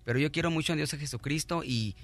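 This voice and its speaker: Bright-voiced halting middle-aged man. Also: on the high side, dry recording. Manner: halting, repeats and restarts, earnest and grateful. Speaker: radio guest. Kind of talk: telling his own story in an interview.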